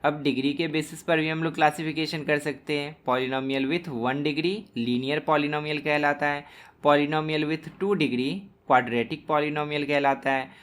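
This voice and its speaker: Man, maths teacher, fairly high voice, slow deliberate explaining, spells out terms as he writes. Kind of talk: classroom lesson explaining at a board.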